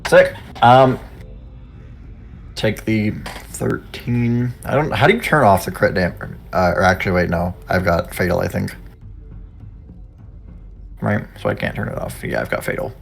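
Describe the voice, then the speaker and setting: A man with a low, gravelly voice playing a tabletop game in casual banter. He talks through his moves and works out his sums aloud. Faint music sits underneath. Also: unhurried, long pauses. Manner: chatty, fumbles his math aloud. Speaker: player.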